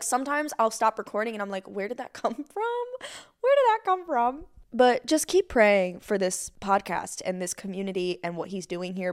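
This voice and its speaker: A young adult woman hosting a casual faith podcast, chatty and excitable, often calling her listeners y'all. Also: medium pitch, smooth. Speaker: podcast host.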